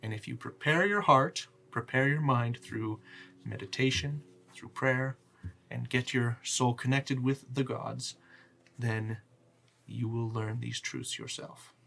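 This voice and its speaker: A man's voice: mid-range voice, fairly even intonation, vocal fry, a bit bright, heavily acted. A man playing a devout figure who earnestly preaches about the gods and being spiritually prepared. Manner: earnest, measured sermonizing.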